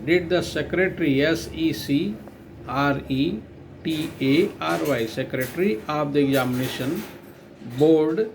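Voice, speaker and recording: A man's voice: on the high side, unhurried, slight background noise, poor audio. A male teacher giving a dictation lesson, repeating each phrase and spelling words out letter by letter.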